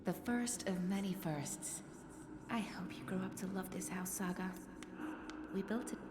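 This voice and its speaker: An actress playing a gentle, earnest young mother, devoted to her home, in a video game drama. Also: mid-range voice, a little slow, lightly acted. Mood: joyful, tender. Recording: echoey room with clear background noise.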